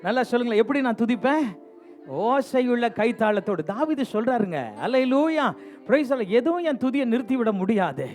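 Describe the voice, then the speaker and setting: High-voiced exhorting preacher. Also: male voice, animated, moderate pace, darkish tone. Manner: exhorting, teasing the congregation, repeating refrains. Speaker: pastor. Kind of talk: lively bilingual sermon with call-and-response. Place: church sanctuary.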